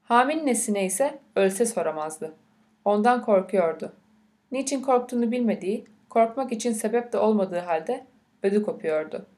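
A woman reads a novel aloud as an audiobook narrator. Her voice sits at a middling pitch for a woman, and the delivery is measured and unhurried. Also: animated, mellow.

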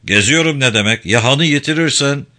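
A man voicing a gruff, scornful village man in a Turkish audiobook, loud and scolding. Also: medium pitch, animated, brisk.

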